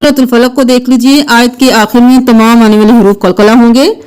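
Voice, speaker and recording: High-voiced woman teaching Quran recitation. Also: steady tone, a little mellow, clear, resonant tone. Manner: quick explanations alternating with slow drawn-out melodic recitation. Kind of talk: tajweed lesson with slow chanted recitation.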